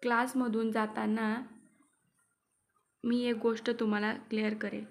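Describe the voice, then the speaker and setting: A woman's voice: fairly high pitch, flat delivery, a little slow, creaky. A woman voicing a strict teacher who lectures her class in a stern tone.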